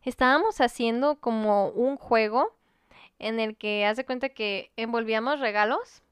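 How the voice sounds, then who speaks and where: Chatty young Mexican woman, clear voice. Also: a little high, moderate pace, no echo, studio quality. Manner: animated storyteller, peppers speech with slang and swearing. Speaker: podcast co-host. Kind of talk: casual chat.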